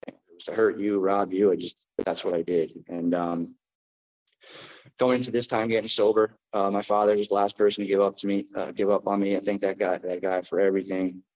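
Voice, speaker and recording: In a dull, lo-fi recording, an American man with a deep voice shares his personal story with an audience at a recovery meeting. Hailing from New Jersey, he addresses the group in halting, plain phrases, keeping his tone flat and simple.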